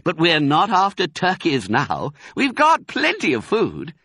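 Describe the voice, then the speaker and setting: A man voicing a confident, fatherly fox leader in a children's storybook, speaking smoothly and with relish. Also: on the high side, huge pitch swings, unhurried, sharp tone, no echo, clean studio sound, pitched above the performer's own voice, heavily acted. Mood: knowing, pleased. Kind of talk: animated children's storybook character reading.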